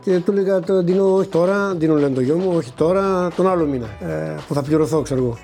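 Mellow-voiced older man telling a story. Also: on the high side, soft background music. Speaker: interviewee recounting a lottery win. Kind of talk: personal anecdote told to an interviewer.

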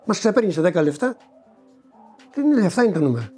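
A man's voice: high voice, big pitch swings, a little mellow, soft background music. An older man recounting a personal story to an interviewer, acting out the dialogue and stumbling over repeated words when he is moved. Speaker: interviewee recounting a lottery win. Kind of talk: personal anecdote told to an interviewer.

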